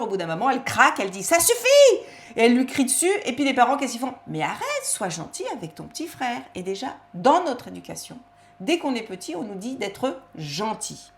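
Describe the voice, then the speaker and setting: A woman giving a casual talk on self-love, with many fillers and restarts, addressing listeners directly. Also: a little high. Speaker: personal development speaker.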